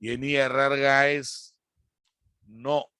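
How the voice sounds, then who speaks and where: A man's voice: mid-range voice, flat delivery, slow pace, sharp tone, smooth, no echo, studio quality. A man with a Telugu Indian accent giving an informal technical lecture as an instructor, repeating phrases and often quizzing his listeners. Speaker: programming instructor teaching a live class.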